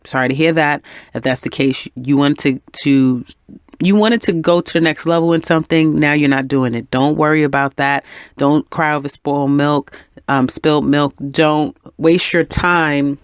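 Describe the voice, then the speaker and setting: Speaking in a low, steady, clear and resonant voice at normal speed, this tarot reader works through a weekly reading despite a head cold that makes her voice come and go. Her tone is chatty and encouraging, full of ums and small laughs, captured in clean studio sound with no room noise.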